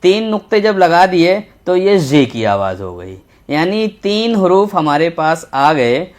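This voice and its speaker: A man teaching a children's Urdu lesson, patient and slow, repeating each letter as he writes. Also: sits high, big pitch swings. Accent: Indian Urdu. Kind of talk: textbook lesson for young children.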